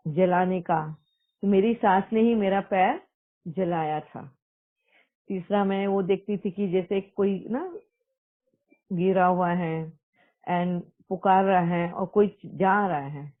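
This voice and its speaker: A woman speaking earnestly as a spiritual speaker, recounting a personal testimony and mixing English words into Hindi. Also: mid-range voice. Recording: tinny phone-like audio.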